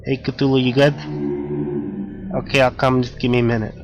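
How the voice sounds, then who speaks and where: This gaming channel host gives casual commentary on a horror game playthrough, his medium-pitched voice gravelly and a little hoarse from allergies. He speaks at a normal pace with flat delivery, cracking jokes, talking back to the game, and gasping at the scares. The dull lo-fi audio has game music playing in the background.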